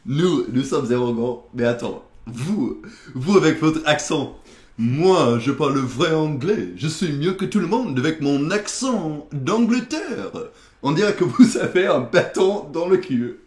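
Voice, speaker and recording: A native English-speaking American man hosts a comedy sketch full of teasing, mock-indignant banter. His voice is on the high side and darkish, expressive, at a measured pace. The room sounds echoey.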